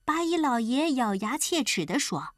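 Animated woman storyteller, lively voice. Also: high voice, moderate pace, no room sound, clean studio sound. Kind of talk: children's story narration.

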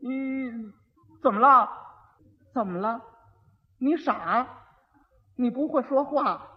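A dim-witted young bridegroom who stutters and repeats his words in a soft mumble, as a male storyteller puts him on. He sounds rather high for a man. The old recording is dull and has a long reverb. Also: takes it slowly. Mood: stammering dim. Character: stammering slow-witted young rich husband.

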